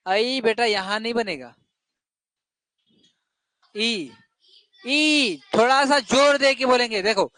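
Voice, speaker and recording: A man's voice: high voice, sharp tone, no room sound. A male teacher giving a classroom lesson to children, asking questions and drilling the answers over and over.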